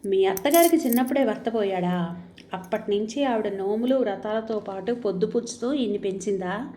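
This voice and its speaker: A woman's voice: medium pitch, a little fast, dark tone, slight background noise, natural voice. A woman voicing a frank, firm young woman friend in a spoken storybook, asking pointed questions. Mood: curious.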